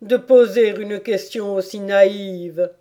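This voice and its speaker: Lady doing a bossy griffin dude, loud, scolding, slow-ish. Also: lowish voice, expressive. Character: gruff, bossy male griffin.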